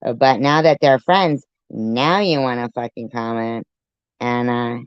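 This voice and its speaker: A commentator with a deep pitch-shifted voice, reacting to a clip with blunt, profane sarcasm. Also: a little slow, clean tone, no echo, muffled recording. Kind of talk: ranting commentary.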